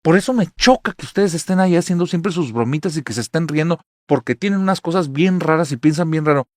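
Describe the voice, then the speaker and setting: Guy putting on a shrill mom yelling accusations, pitched way up, dry close sound. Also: lively intonation, fast talker, dry recording. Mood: scolding. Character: angry scolding middle-aged mother.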